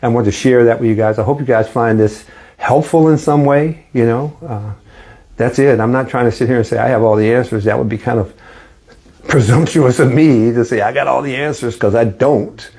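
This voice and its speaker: A man in his late sixties giving casual life advice in a gentle, reassuring, reflective and conversational way. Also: medium pitch, moderate pace, breathy edge. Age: late 60s. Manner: conversational, often seeking agreement with rhetorical questions. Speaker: host and investing coach.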